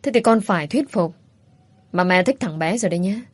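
A woman's voice: on the low side, expressive, no echo. A woman doing a bossy scolding mother. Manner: scolding, brisk. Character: older mother, bossy, scolding, scheming matchmaker.

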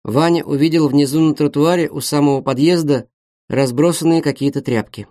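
Ироничное чтение прозы, мужской голос, выше среднего, сухой звук. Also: male voice, a little high, fairly even intonation, brisk, mellow, no room sound, studio quality. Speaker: audiobook narrator. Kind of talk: scripted narration.

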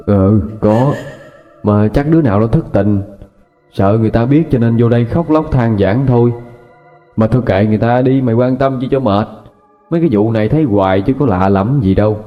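A man playing an easygoing, offhand young man in a ghost story, talking briskly and dismissively. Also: mid-range voice, lightly acted. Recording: dull lo-fi with faint music.

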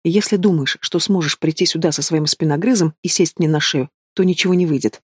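A man's voice: fairly high pitch, a little fast, breathy edge, no echo, clean studio sound. A man voicing a blunt, reproachful middle-aged mother who lectures her daughter, in an audiobook. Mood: scolding. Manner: bossy and reproachful.

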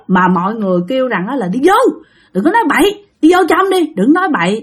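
A woman's voice: fairly high pitch, fairly bright tone. A woman telling a ghost story in a conversational way, addressing listeners directly and repeating phrases for emphasis.

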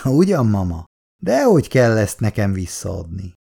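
A man playing a calm, dutiful son. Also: fairly low pitch, vocal fry, slightly rough, exaggerated voice. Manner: calm, reassuring.

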